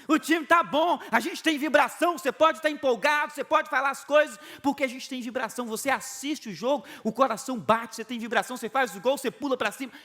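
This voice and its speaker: A middle-aged Brazilian man with a Brazilian Portuguese accent, a pastor giving a video sermon and telling stories in an animated way with chuckles. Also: very high-pitched, quick pace, hardly any pauses.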